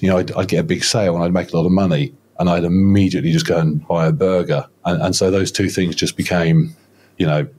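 Rumbling low, a little mellow and slightly rough, the voice belongs to a man of about fifty telling his story on a casual podcast. He drifts, restarts often, and makes light of himself. The setting is an indoor home studio, recorded over a video call with a close studio mic and headphones.

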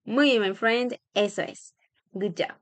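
A woman teaching English phrases in a bilingual lesson, repeating each phrase and warmly praising the learner. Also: medium pitch, takes it slowly, dry recording.

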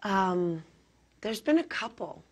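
A hoarse actress being interviewed, talking earnestly and animatedly, with frequent ums as she tells her stories. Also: medium pitch, very animated, slow. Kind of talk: casual interview talk.

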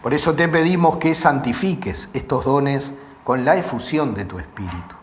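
A priest in his forties reciting the prayers of Mass in a solemn, measured way, with a lapel mic in a small chapel. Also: mid-range voice, lively intonation. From Uruguay. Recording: echoey chapel.

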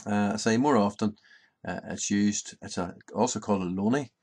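A man in his fifties speaks with a Northern Irish accent from County Antrim, in a fairly low voice. He presents informally, like an explainer at his desk, and often hesitates mid-sentence as he goes. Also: moderate pace, darkish tone, husky. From Ballycarry, County Antrim, Northern Ireland. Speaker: presenter explaining local language and place names. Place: small book-lined study, indoors.

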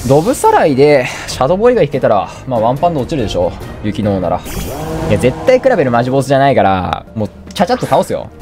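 A man's voice: medium pitch, huge pitch swings, rapid-fire. A man giving joking, chatty commentary while playing a video game, often correcting himself. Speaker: let's play gamer. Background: faint game music.

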